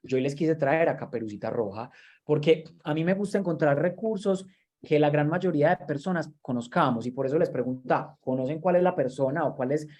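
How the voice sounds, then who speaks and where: With a slightly high, somewhat mellow voice and a brisk pace, this man in his 30s, a university lecturer and workshop trainer, delivers a training lecture on a video call. He keeps it conversational, frequently repeating a word as he hunts for what comes next.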